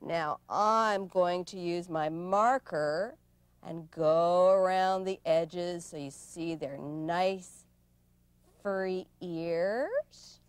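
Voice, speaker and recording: A woman hosting a children's craft show, gently explaining each step of making an animal. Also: fairly low pitch, clear, resonant tone, no room sound. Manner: slow, gentle step-by-step instruction.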